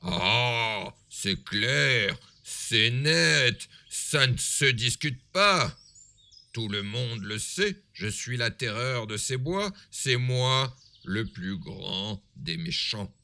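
A big bad wolf who brags and swaggers, his gravelly voice full of self-satisfaction, as a man reading a storybook puts him on. The delivery is slow and bright, with a pitch that swings widely. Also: expressive, exaggerated voice. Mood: boastful.

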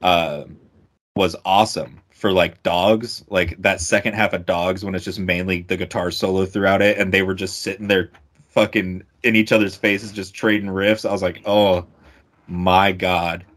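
A young man co-hosting a music podcast, talking excitedly, swearing often and tripping over his words in casual chat. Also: deep voice, moderate pace. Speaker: podcast co-host.

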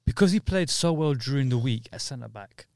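A man's voice: medium pitch, expressive, normal speed, a little mellow, no room sound, studio quality. A man, bluntly airing frustration in casual football chat. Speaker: podcast co-host.

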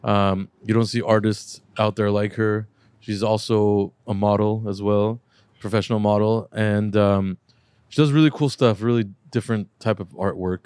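A low-voiced man hosts a casual podcast and rambles in a relaxed way, teasing his guest now and then. His voice sounds dry and close, with no room echo. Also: clear, resonant tone. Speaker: podcast host.

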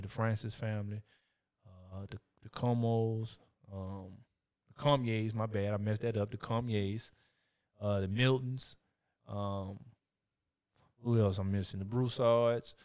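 A man's voice: fairly low pitch, darkish tone. A man co-hosting a casual chat podcast, laid-back and slangy with lots of fillers. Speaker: podcast co-host.

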